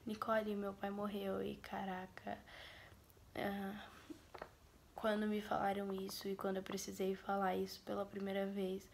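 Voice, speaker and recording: A Brazilian woman speaks to her camera in a soft, breathy half-whisper as she recounts a loss. Her voice is flat and somber, with a gravelly edge of vocal fry. A faint hiss sits under the recording. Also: mid-range voice, unhurried. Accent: Brazilian Portuguese. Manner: grieving, sombre recounting. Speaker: vlogger. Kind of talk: personal storytelling to camera.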